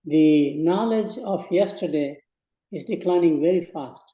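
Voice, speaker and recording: A man in his eighties from Burma, giving slow, measured advice in a speech to students. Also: fairly high pitch, dark tone, echoey room, dull audio. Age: 80s. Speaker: guest speaker.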